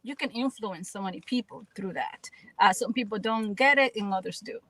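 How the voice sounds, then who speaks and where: A guest actress and spoken word artist from the Dominican Republic, a native Spanish speaker with a Dominican accent, talks earnestly and reflectively in a radio interview, often repeating words as she searches for phrasing. Her medium-pitched, slightly bright voice moves at a moderate pace in a dry, low-quality recording.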